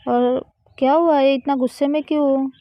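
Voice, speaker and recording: A woman's voice: sits high, fairly even intonation, normal speed, no room sound, lo-fi sound, lightly acted. Priya, a woman voicing a baffled young woman. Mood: confused, pleading. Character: young college woman, confused and pleading.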